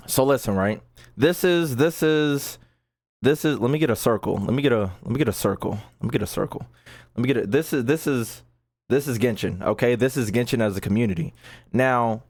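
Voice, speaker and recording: A man with a mid-range, slightly mellow voice chats through a game livestream, reading the on-screen text aloud and fumbling words frequently. He talks casually with slang and profanity and repeats phrases for emphasis.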